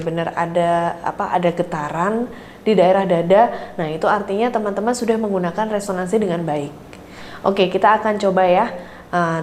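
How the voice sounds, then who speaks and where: A woman vocal coach giving an online singing lesson. She speaks to learners in a friendly way with many "eh" fillers, and between explanations she sings scales and warm-up syllables. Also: medium pitch.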